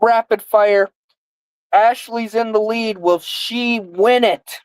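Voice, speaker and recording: A woman's voice: fairly high pitch, takes it slowly, no room sound. A woman in her twenties hosting a casual live guessing game, with slurred, lisping speech from a mouth guard. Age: 20s. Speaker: live stream host.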